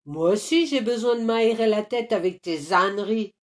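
A woman's voice: medium pitch, moderate pace, close to an everyday voice. A woman voicing a grumpy old man who hates children, grumbling and snapping insults in a read-aloud storybook.

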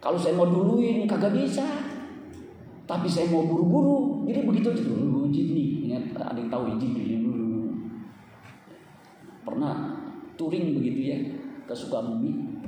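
An older male pastor tells stories from the pulpit in a casual, chatty sermon, his voice lively and rising higher than most men's. He sounds set back from the mic, and long reverb fills the big room around him. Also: moderate pace, long pauses, a little hiss or hum. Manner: casual storytelling, addresses congregation as "saudara sekalian". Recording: echoey hall, voice from far off.

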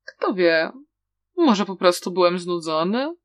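A woman's voice: fairly low pitch, sing-song, takes it slowly, dry recording. A woman voicing a cheerful but ruthless young man who taunts breezily. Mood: mocking.

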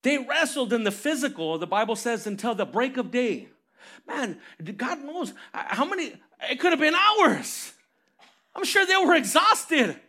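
A man preaching a lively, conversational sermon as pastor, telling stories animatedly and calling for amens. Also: extremely high pitch, unhurried. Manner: animated storytelling, calls for amens.

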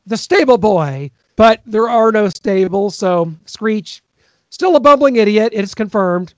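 A podcast co-host eagerly recounts the plot of a TV episode in detail during casual chat, sounding enthusiastic. His high-pitched voice is expressive and a little slow, and the recording is dry.

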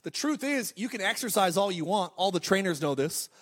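A man in his thirties preaches with energy as a pastor, his high, bright-edged voice full of lively intonation. He layers repeated declarations, adds brief jokes, then presses his point home.

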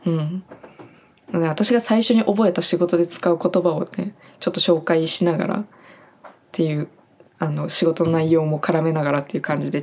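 A young Japanese woman from Japan who works on a farm, casually explaining German words she uses on the job, with lots of fillers. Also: low voice. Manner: chatty, friendly explaining with many fillers. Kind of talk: casual spoken lesson.

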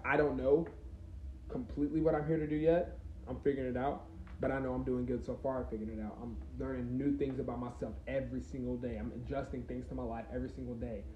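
A man's voice: mid-range voice, slight background noise. A man of about twenty, hosting a solo podcast and talking in a rambling, reflective way with lots of fillers and restarts. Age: 20s. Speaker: podcast host. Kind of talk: casual solo podcast talk. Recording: roomy, slightly dull recording.

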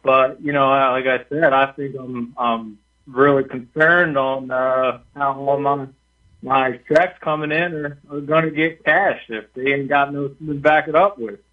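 An older man calling in to a radio show over the phone, talking in a hesitant, halting way with many fillers. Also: mid-range voice, fairly even intonation. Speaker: caller. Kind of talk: call-in radio talk. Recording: tinny distant phone line.

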